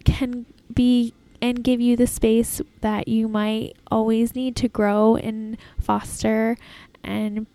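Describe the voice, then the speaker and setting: A woman hosting a casual, reflective solo podcast in an informal, halting way, recorded in an airport terminal. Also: on the high side, flat delivery, mellow, no room sound. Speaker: podcast host. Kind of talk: casual solo podcast talk, self-help advice.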